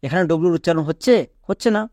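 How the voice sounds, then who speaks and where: Male teacher, fairly high voice, dry close sound, patient and repetitive. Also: expressive, racing, darkish tone, no room sound. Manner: patient, repeats rules and asks check questions. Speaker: English pronunciation teacher. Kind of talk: explanatory lesson.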